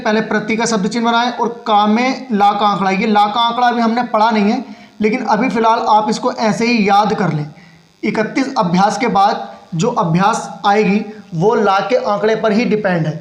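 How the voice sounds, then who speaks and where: A man giving a patient step-by-step lesson in shorthand, explaining each stroke as he writes it. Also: high-pitched. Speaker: shorthand teacher. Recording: echoey room.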